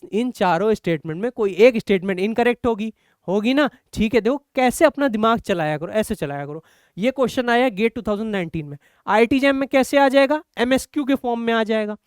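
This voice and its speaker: A man's voice: sits high, smooth, dry recording, studio quality. A man teaching chemistry, encouraging and explaining step by step with rhetorical questions. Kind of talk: online exam-prep lecture.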